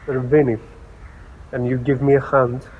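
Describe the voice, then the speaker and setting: A man playing a tabletop role-playing game, speaking gently and formally in character. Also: medium pitch, level tone, normal speed, phone-quality sound, a little hiss or hum. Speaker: player.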